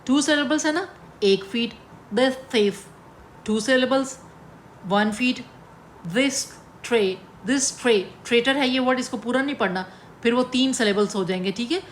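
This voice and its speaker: A woman teacher giving a lecture on poetry, explaining slowly and mixing English terms into her talk as she addresses her students. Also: fairly high pitch, slight background noise. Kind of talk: classroom lecture.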